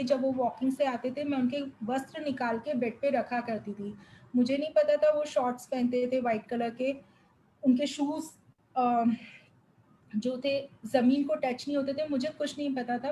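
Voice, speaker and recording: A young woman with a high voice tells a spiritual testimony to a gathered congregation. She speaks earnestly and with feeling, slipping English words into her talk. Faint noise sits behind her. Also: dark tone, low-quality recording. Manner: earnest, emotional storytelling with English words mixed in. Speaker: devotee sharing a testimony.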